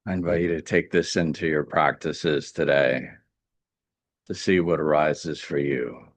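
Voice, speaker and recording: A meditation teacher with a very deep, low voice guides a meditation, speaking calmly and gently with deliberate pauses between phrases. The sound is close and dry, a dry recording.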